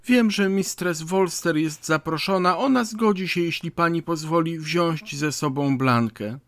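A man's voice: mid-range voice, normal speed, dry recording, close to an everyday voice. A man reading a storybook, voicing a pushy, effusive upstart society lady who begs for favors. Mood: pleading. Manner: pleading, effusive.

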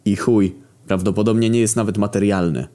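A man's voice: on the low side, fairly even intonation, fairly quick, warm tone, lightly acted. A man voicing a crude, curt and foul-mouthed male Famine. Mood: blunt.

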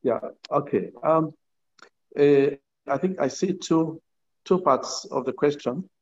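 Measured man, dull lo-fi audio. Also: a little high. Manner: measured, formal, deliberate, with halting repetitions. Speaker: tourism agency chief executive. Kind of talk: panel answer in a business town hall. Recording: dull, lo-fi online call audio.

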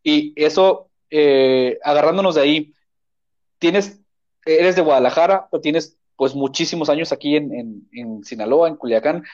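A man's voice: fairly high pitch, moderate pace, a little mellow, highs cut off. A man hosting a casual talk show, asking long rambling questions. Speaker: host.

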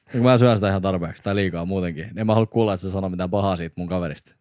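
A man's voice: deep voice, darkish tone, dry recording, studio quality. A Finnish man co-hosting a podcast, rambling in casual chat with lots of fillers and swearing. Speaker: podcast co-host.

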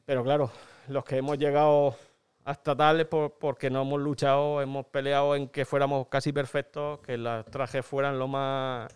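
A man's voice: medium pitch, little pitch movement, moderate pace, clear, resonant tone. A man from Spain, a guest telling stories in casual chat.

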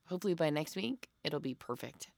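A woman's voice: deep voice, lively intonation, a little fast, vocal fry. A woman co-hosting a podcast in a casual, self-deprecating, chatty way. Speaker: podcast co-host.

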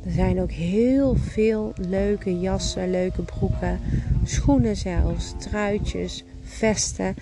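A woman's voice: medium pitch, drawn-out words, poor audio. A woman in her thirties with a Netherlands Dutch accent hosts an informal guided-walk podcast, chatting encouragingly and directly to the listener. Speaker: podcast host. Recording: music bed under the voice. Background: prominent music.

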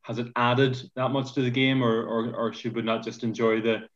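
A man speaks in a flat, even tone, circling his point with repeated words and restarts. His audio sounds a touch dull and lo-fi. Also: medium pitch, moderate pace. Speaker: podcast panelist. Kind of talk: podcast football discussion.

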